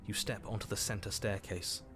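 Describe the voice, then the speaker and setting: An actor playing a dry, measured narrator in a horror video game, telling the story in a slightly teasing tone. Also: male voice, fairly low pitch, fairly even intonation, over music, natural voice. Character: calm, wry male storyteller narrator.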